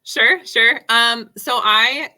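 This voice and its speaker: A woman's voice: fairly high pitch, very slow, pushed and bright. A woman from Nebraska, a teacher, talking in a friendly, easygoing way as a podcast guest. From United States (Nebraska). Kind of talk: casual interview.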